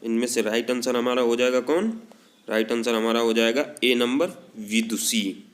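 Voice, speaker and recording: A man with a north Indian Hindi accent teaches a Hindi spelling lesson for exam practice, drawing out the example words and leaning repeatedly on the filler "हमारा." His voice is mid-range and steady, at a moderate pace.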